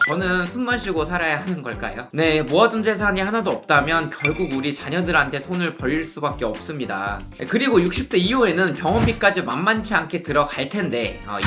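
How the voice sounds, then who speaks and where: Man, 30s, insurance planner, persuasive explainer talk, very animated pitch, clear background music. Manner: lively, persuasive, asks rhetorical questions.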